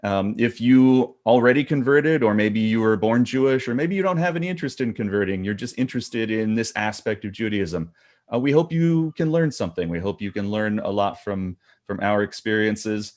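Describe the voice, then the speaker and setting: A man hosting a podcast, talking in an earnest, halting way with frequent restarts. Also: fairly low pitch, a little mellow. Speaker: podcast host. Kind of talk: casual podcast talk.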